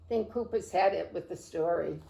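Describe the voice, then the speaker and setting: A woman librarian reading a picture book aloud to children, expressive and unhurried, praising the kids by name. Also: on the low side, gravelly. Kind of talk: storytime read-aloud. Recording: roomy echo.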